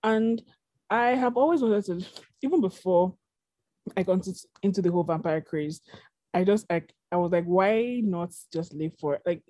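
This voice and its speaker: A young woman chats casually on a podcast, rambling through her thoughts with plenty of "like" and "you know." Her voice is mellow and warm, on the lower side, and the recording is dry and close. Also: normal speed, no echo. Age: young adult. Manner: chatty, rambling, many fillers. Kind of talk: casual chat.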